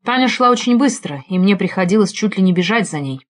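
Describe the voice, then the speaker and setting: A woman reading a first-person detective audiobook in an expressive storytelling manner. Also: medium pitch, a little fast. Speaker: audiobook reader. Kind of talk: first-person scripted narration.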